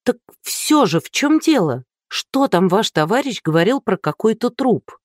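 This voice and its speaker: A woman's voice: mid-range voice, sing-song, unhurried, no echo, clean studio sound, voice pushed up. A reader voicing a flustered, anxious blonde woman in her thirties, firing off nervous questions.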